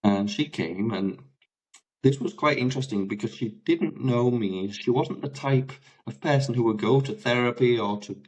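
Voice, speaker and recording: A man's voice: medium pitch, normal speed, low-quality recording. British man telling a story animatedly. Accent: British English. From England. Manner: animated, acts out quoted dialogue with laughs. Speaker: life coach guest. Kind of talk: conversational storytelling.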